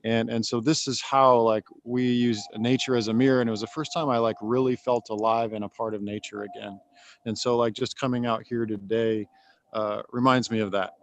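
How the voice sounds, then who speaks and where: A man speaking earnestly outdoors with a halting manner and many fillers. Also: mid-range voice, fairly even intonation. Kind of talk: heartfelt casual speech.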